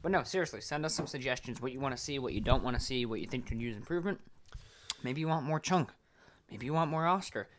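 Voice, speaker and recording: A man bantering with friends as a podcast co-host talks fast in a mid-range voice, cracking crude jokes and swearing freely. Slight background noise can be heard.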